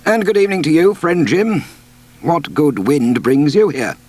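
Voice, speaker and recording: A man reading a storybook aloud, voicing a calm, level-headed country doctor who asks pointed questions in a raised voice. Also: on the high side, normal speed, pitched above the performer's own voice. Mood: measured.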